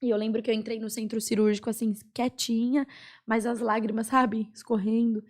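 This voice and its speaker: A young woman with a Brazilian Portuguese accent, a podcast guest earnestly telling a personal story with many pauses and fillers. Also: fairly high pitch, level tone. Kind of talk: personal testimony in a podcast chat.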